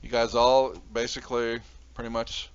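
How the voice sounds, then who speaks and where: A man narrating casually as game master in a halting, informal way. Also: mid-range voice, completely flat delivery. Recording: muffled audio with faint noise.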